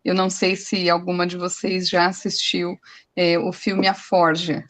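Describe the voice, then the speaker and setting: A woman's voice: lowish voice, flat delivery, measured pace, a bit bright. A woman in a prayer group sharing a testimony over a video call, earnest and emotional, with hesitant restarts. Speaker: group member.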